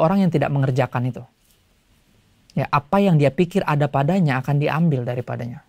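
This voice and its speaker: A male pastor giving a casual sermon to young people, telling stories in relaxed everyday slang. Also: on the high side, no echo. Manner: chatty storytelling in everyday slang; acts out voices in quotes.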